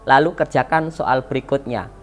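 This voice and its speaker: A woman's voice: very deep voice, moderate pace, soft background music. A woman teacher explaining a lesson to children, patient, repeating key words and checking in with them. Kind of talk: slow classroom explanation to children.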